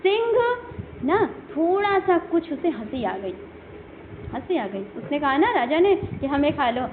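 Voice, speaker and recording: A woman teaching Sanskrit, telling the story in an animated way and acting out what the characters say. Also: sits high, takes it slowly. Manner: animated storytelling, acts out quoted speech. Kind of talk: storytelling lesson explaining verses. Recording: phone-like line with faint hiss.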